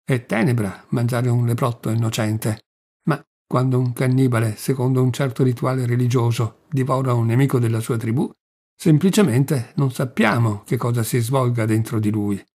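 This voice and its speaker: A man reading the part of a passionate, blunt young man, with a gravelly voice. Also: medium pitch, moderate pace, darkish tone. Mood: fervent. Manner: fervent, blunt. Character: passionate young male zealot. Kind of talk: audiobook reading.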